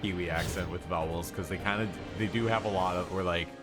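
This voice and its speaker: A man's voice: low-pitched, steady tone, brisk. A man from Wisconsin with a city Midwest accent, rambling casually with lots of fillers and laughs while streaming a game. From Wisconsin, United States. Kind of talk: casual gaming stream commentary. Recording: game music playing underneath.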